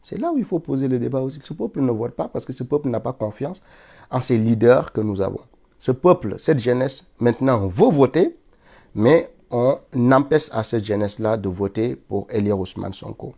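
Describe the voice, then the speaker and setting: With a warm, mid-range voice edged with vocal fry, a man from Senegal speaks expressively at normal speed. He's streaming live as a political commentator, stuffy with a cold, and his insistent monologue mounts to indignant highs.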